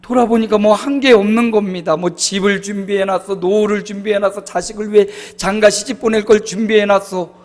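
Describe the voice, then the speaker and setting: A man in his fifties preaches in a church with a high, bright voice. The sound rings with a long hall echo. His delivery moves from loud to hushed as he tells his story. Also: steady tone, fairly quick, hardly any pauses. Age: 50s. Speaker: pastor. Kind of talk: sermon. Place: church sanctuary.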